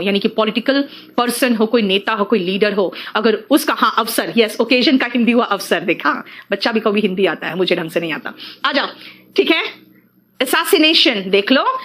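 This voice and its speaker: A woman teaching an English spelling and vocabulary class, mixing Hindi and English, calling students "beta" and quizzing them with quick questions. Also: fairly high pitch, a bit bright.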